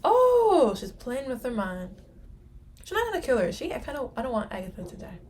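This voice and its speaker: Speaking fast in a slightly high voice, this woman reacts to something on screen for her viewers, tossing out guesses aloud. She's excitable throughout, gasping and exclaiming as she watches in a casual reaction video.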